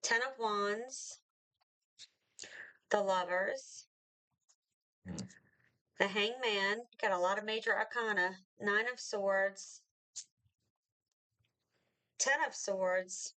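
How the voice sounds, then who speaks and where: A woman's voice: medium pitch, drawn-out words, pauses often, sharp tone, rough recording. A woman reading tarot cards for viewers in a chatty, reassuring way, with many fillers and restarts. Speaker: tarot reader.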